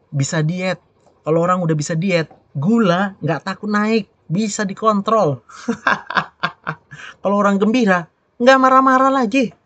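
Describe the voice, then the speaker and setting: A man giving a preaching talk on a live stream, swinging from loud exclamations to soft, quiet asides. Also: on the high side, dry recording.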